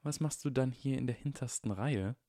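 A man's voice: medium pitch, normal speed, dark tone, no room sound, studio quality, voice pushed up, close to an everyday voice. A man voicing a haughty, stiff young wizard boy with a clipped, sneering manner.

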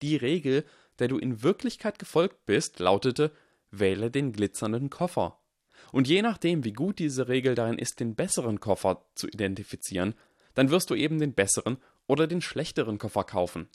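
A man reading the part of a calm, earnest young wizard who explains his reasoning in a measured, persuasive way. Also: medium pitch, dry recording, studio quality, pitched above the performer's own voice, natural voice. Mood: earnest lecturing. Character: calm, earnest boy wizard lecturing on science.

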